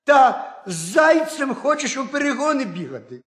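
A man's voice: high voice, sing-song, fairly quick, a little mellow. A man voicing a sensible female hedgehog wife who speaks in an alarmed, scolding way, for a folk tale. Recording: roomy echo.

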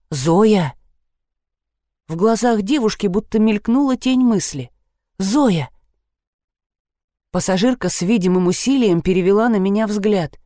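A woman reads a first-person story aloud at a steady, measured pace, bringing expression into each sentence. Her voice sits at a middle pitch and sounds dry and close, with no room around it. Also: no echo. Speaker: audiobook narrator. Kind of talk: scripted first-person narration.

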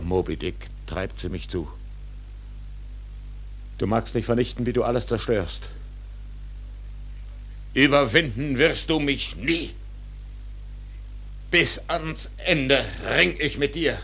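A male actor playing a proud, doomed old whaling captain in a German radio play, declaiming solemnly in a gravelly, husky voice. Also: medium pitch, sharp tone, heavily acted. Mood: bitter, brooding, then raging, defiant.

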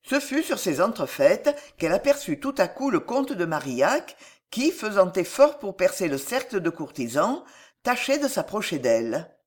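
A narrator reading a historical novel aloud in a measured, expressive way. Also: medium pitch. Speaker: audiobook narrator.

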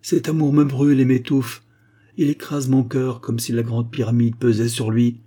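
A man's voice: medium pitch, little pitch movement, normal speed, mellow, close to an everyday voice. A man voicing a lovesick young man who speaks with vehement anguish.

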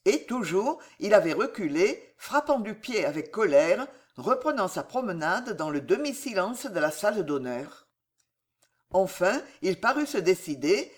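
A woman narrating a historical novel in an audiobook, in a measured, expressive manner. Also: mid-range voice.

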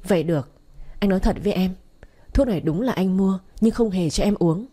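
A woman's voice: mid-range voice, fairly quick, warm tone, natural voice. A woman voicing an evasive, flustered husband who tries to placate his wife. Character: evasive cheating husband, man.

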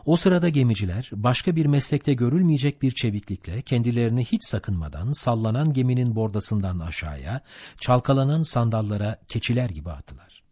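A man reading a classic sea novel aloud as an audiobook narrator, in measured storytelling. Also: medium pitch, lively intonation, mellow, slightly rough, no room sound, clean studio sound. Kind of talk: scripted narration.

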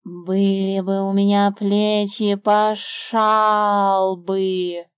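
A woman's voice: medium pitch, little pitch movement, clear, resonant tone, no echo. A woman voicing a sly, mocking male serpent with a fanged grin in a storybook reading, drawing out every word. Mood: drawling sly. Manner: slow, drawn-out, sneering hiss.

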